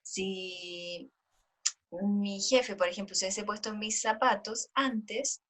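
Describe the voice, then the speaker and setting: Female course participant, mid-pitched, thoughtful, explains with examples. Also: steady tone, slow, a bit bright. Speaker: training participant. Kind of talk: casual discussion.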